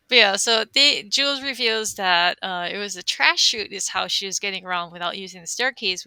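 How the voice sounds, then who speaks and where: A woman's voice: medium pitch, sharp tone, no room sound. A woman hosting a podcast in casual chat, recapping scenes and laughing often. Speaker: podcast host.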